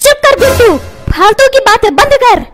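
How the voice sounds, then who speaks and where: एक महिला कार्टून में झगड़ालू, डांटने वाली माँ की आवाज़ दे रही है, जो धमकाती है और ताने देती है।. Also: female voice, very high-pitched, lively intonation, moderate pace, a bit bright, faint music behind. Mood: scolding. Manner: nagging, threatens, calls names. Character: quarrelsome scolding cartoon mother. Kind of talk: comedy cartoon dubbing.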